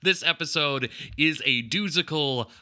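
A man's voice: a little high, unhurried, sharp tone. A young man co-hosting a casual podcast, playful and mock-serious as he quizzes his co-host.

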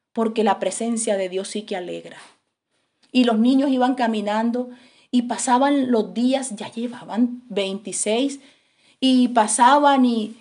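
A woman preacher tells a story in her sermon, building the drama and acting out the quotes along the way. Her voice sits a little high. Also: mellow.

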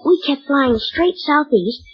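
Eager young boy, high swooping voice, earnest and polite, vintage radio space serial, dull recording with music. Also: animated, takes it slowly. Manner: earnest, deferential, boyish exclamations. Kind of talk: 1930s-40s radio serial acting.

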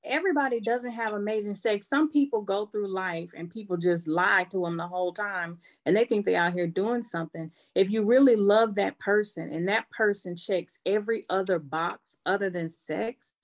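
A woman's voice: medium pitch, moderate pace, hardly any pauses. A woman giving her candid opinion in a casual group chat, in an emphatic way.

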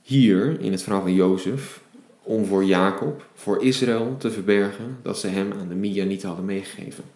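Deep-voiced man reading and explaining scripture. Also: normal speed. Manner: reads scripture aloud, then explains in a relaxed, reflective way with fillers. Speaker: Bible teacher. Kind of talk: Bible reading with devotional commentary. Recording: roomy echo.

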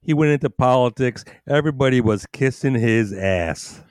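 A man co-hosting a casual podcast, teasing the others with quick interjections. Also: medium pitch, a little mellow, clean tone, dry recording, clean studio sound. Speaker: podcast co-host. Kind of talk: casual chat.

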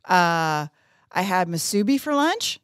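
A woman's voice: on the low side, sing-song, slow, clear, resonant tone, no room sound, clean studio sound. A middle-aged woman with a Pittsburgh accent, chatting casually and playfully with a group.

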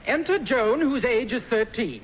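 A muffled vintage radio comedy recording. a shy, earnest young poet, high-pitched and lilting, formal and hesitant in his delivery. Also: animated, normal speed. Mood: earnest reciting. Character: timid, polite, earnest young male poet. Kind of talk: 1940s radio comedy acting. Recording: muffled old radio broadcast, faint noise.

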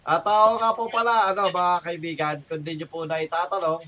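A man's voice: on the high side, fairly even intonation, a little fast, sharp tone, slight background noise. A middle-aged Filipino man hosting a casual podcast, rambling and laughing often. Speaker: podcast host.

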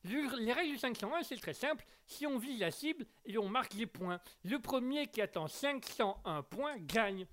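A man's voice: extremely high pitch, expressive, moderate pace, hardly any pauses, fairly bright tone, a little hiss or hum, pitched above the performer's own voice. A man playing a pompous male know-it-all who lectures about the rules. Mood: lecturing.

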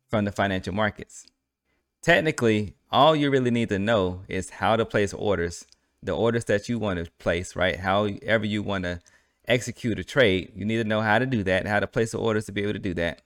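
A man's voice: lowish voice, no room sound, clean studio sound. A man hosting a podcast, talking casually to listeners and often tagging lines with "right?". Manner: conversational, repeats "right?" to the listener. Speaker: podcast host. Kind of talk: solo podcast commentary.

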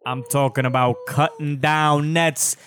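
A man's voice: fairly high pitch, steady tone, measured pace, fairly bright tone. A man casually hosting a sports talk show.

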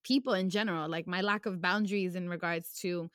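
A woman's voice: on the low side, steady tone, brisk, smooth, no echo, clean studio sound. Raw, emotional young woman. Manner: raw, emotional, casual slang, swears. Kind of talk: candid personal conversation.

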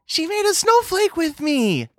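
A man voicing an excited five-year-old girl in a tabletop game, squealing and drawn out. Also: very high voice, unhurried, no room sound, clean studio sound, voice pushed up, heavily acted.

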